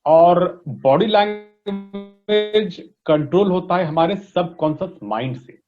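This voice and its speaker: Slow and high-voiced, a man with an Indian accent explains his craft as a voice modulation coach in an interview, with soft music in the background. His manner is didactic, mixing Hindi and English and frequently checking understanding with "right?" and "okay?", and the sound is dull and lo-fi.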